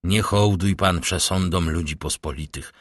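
A man reading the part of a calm, worldly nobleman who speaks with smooth, measured courtesy. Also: low-pitched, dry recording, clean studio sound. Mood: courteous. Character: suave worldly nobleman, calm and gently teasing. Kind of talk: audiobook character reading.

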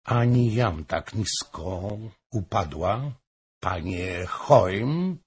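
A man voicing a proud, defiant young noblewoman in an audiobook, with a gravelly, husky voice. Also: deep voice, animated, drawn-out words, exaggerated voice. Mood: cold, firm.

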